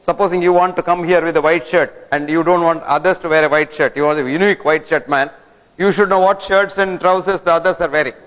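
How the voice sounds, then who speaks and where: A man's voice: fairly high pitch, fairly even intonation, fast, a bit bright. A man giving a didactic lecture, often throwing rhetorical questions at the audience. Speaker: guest lecturer. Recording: long hall reverb.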